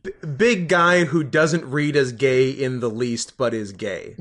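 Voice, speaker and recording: A man co-hosting a casual podcast, tossing out crude, deadpan quips. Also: mid-range voice. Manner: dry, crude jokester, quick deadpan quips. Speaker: podcast co-host.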